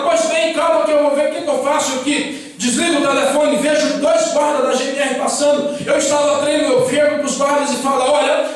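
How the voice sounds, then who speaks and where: High-voiced man preaching in an echoey hall. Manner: dramatic storytelling, acting out quoted dialogue. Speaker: preacher giving testimony. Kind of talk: sermon testimony. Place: church hall. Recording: very echoey hall, voice far from mic.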